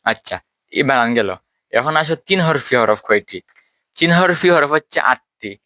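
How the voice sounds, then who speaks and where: A man teaching a tajweed class, explaining step by step and quizzing his students, with slow drawn-out letters. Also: medium pitch, expressive, sharp tone, no echo. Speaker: Quran recitation teacher.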